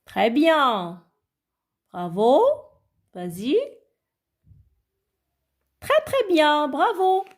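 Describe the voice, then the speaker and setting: A woman's voice: sits high, very animated, drawn-out words, pauses often. A woman teaching a phonics reading lesson to young children, patiently repeating sounds and syllables and praising often. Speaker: primary school teacher.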